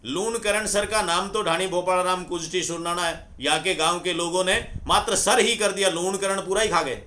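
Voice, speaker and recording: Male lecturer, middle-aged, high bright voice, patient and explanatory. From Rajasthan, India. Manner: measured, explanatory, repeats phrases slowly for emphasis. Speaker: scholar explaining word origins.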